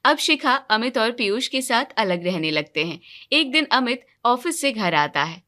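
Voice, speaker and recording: A woman narrates a storybook cartoon in a matter-of-fact way. Her voice sits a little high and sounds bright and crisp. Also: sing-song, unhurried.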